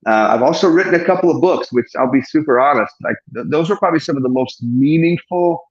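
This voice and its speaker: A man's voice: fairly high pitch, animated, quick pace, roomy sound, highs cut off. A man, talking as a therapist guest in an effusive, expansive way with frequent restarts. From Portugal. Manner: effusive, expansive, self-correcting. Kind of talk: enthusiastic podcast interview.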